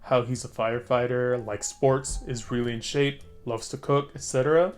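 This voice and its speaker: A man reading an online story aloud in a relaxed, conversational way. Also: mid-range voice, normal speed, faint music behind. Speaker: story narrator.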